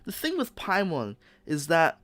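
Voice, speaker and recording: A man's voice: on the high side, huge pitch swings, unhurried, a bit bright, no echo. A man hosting a casual podcast chat, rambling with repeated words and frequent laughs. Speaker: podcast host.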